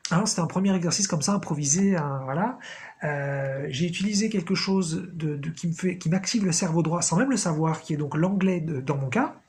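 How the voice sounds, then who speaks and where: A man's voice: on the high side, a little mellow. A man hosting his own channel, explaining a personal practice in a casual, chatty monologue and thinking aloud as he goes. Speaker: channel host.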